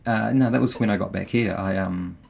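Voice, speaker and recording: A man's voice: lowish voice, a little fast, vocal fry, slightly rough. A middle-aged man with a New Zealand accent, chatting casually as a guest guitarist, laughing easily and restarting his sentences. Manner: relaxed, self-deprecating, laughs often, many restarts. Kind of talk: casual interview chat.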